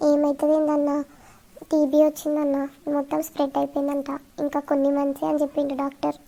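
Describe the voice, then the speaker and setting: A tearful young cartoon girl, voiced by a woman with a Telangana accent. Her voice is high, flat and dark. She pleads through her tears. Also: fast talker. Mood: bitter. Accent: Telangana Telugu.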